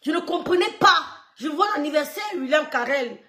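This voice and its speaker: A woman telling a personal story in casual French, swinging between loud quoted lines and quiet asides, with stammers and laughs. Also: sits high, expressive, normal speed, reverberant. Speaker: storyteller recounting gossip.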